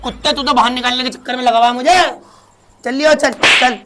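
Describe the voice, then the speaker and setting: A man's voice: very high-pitched, steady tone, fairly quick, very noisy. A man playing a wealthy, fierce old mother-in-law in a comedy sketch, scolding and pleading melodramatically. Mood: furious.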